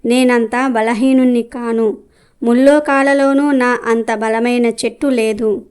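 A woman voicing a proud, boastful silk-cotton tree that talks loudly and arrogantly in a told folktale. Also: a little high, steady tone, a little slow, clean tone, lightly acted.

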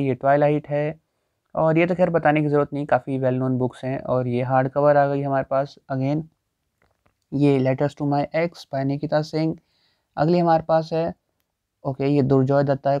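A young booktuber with a somewhat high, mellow, clear, resonant voice wanders through a small indoor bookstore crammed with shelves, chatting and thinking aloud as he browses. It's a casual walkthrough vlog, and the recording is dry and dull.

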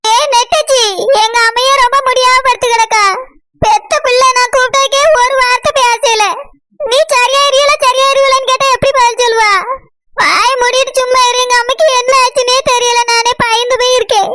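A woman doing a weepy, sharp-tongued young village wife in a squeaky high voice. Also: fairly even intonation, a little fast. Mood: tearful. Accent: Tirunelveli Tamil. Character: young village wife, tearful, quick-tempered daughter. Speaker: cartoon character. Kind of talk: cartoon drama. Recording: loud background noise.

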